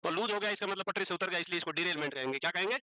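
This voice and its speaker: High, bright-voiced man lecturing a class. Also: racing, dry recording, poor audio. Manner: teasing, asks the class questions and repeats answers. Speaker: teacher.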